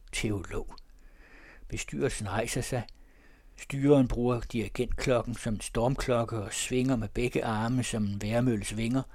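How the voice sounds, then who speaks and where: A man narrates a literary story in a measured, descriptive manner. His voice sits at a middle pitch. The recording is close and completely dry. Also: a little mellow, dry recording.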